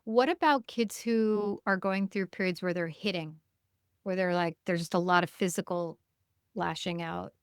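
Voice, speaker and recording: A woman's voice: on the low side, steady tone, moderate pace, smooth, dry recording, studio quality. A woman hosting a podcast interview, reflective and often murmuring agreement. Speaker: podcast host. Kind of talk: conversational interview.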